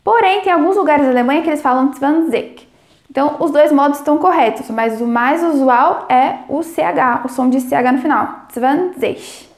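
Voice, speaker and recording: A woman teaching German numbers in Portuguese, explaining clearly and slowing down to model each word's pronunciation. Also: high-pitched, echoey room. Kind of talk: language lesson.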